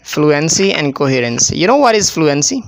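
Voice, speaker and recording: A man teaching an IELTS speaking lesson, his fairly high voice smooth and clear. He explains patiently and repeats key phrases. The sound is dry and close. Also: sing-song, normal speed, no echo, low-quality recording. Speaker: English teacher.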